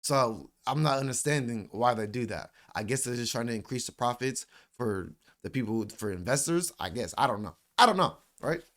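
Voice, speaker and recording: A man in his late twenties tells a personal story in a casual, slangy way. His voice sits at an ordinary middle pitch. He talks loosely and animatedly, with plenty of fillers and some swearing. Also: normal speed, few pauses. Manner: animated retelling with voiced quotes. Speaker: vlogger.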